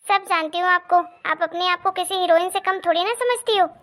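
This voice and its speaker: A woman voicing a bossy, quick-tempered sister-in-law in a cartoon story, sharp and scolding. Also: extremely high pitch, steady tone. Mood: angry.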